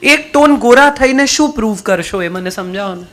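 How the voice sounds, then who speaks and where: A woman's voice: a little high, moderate pace. A middle-aged woman with a Gujarati accent giving a motivational speech to a live audience, telling stories and firing rhetorical questions. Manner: rhetorical questions, storytelling, lively. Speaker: motivational speaker.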